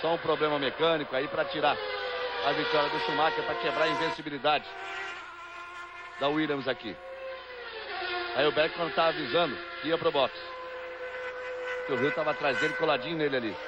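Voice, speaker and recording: Man, Brazilian accent, motorsport commentator, live race call, slightly high pitch, dull lo-fi broadcast sound. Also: fairly even intonation, fairly quick, long pauses. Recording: dull lo-fi broadcast, loud engine noise. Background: loud racing cars and trackside noise.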